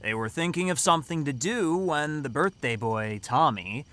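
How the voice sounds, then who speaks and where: A man voices a cocky, teasing teen camp counselor spinning a scary story in an audio drama. He speaks at a moderate pace in a fairly high, fairly bright voice with lively intonation, building suspense through dramatic storytelling.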